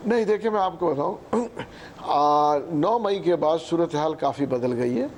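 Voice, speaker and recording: Halting older man with a dark voice. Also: fairly high pitch, animated, slight background noise. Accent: Pakistani Urdu. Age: 60s. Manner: halting, full of fillers and restarts, clears throat often. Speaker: politician guest. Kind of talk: hesitant interview answers.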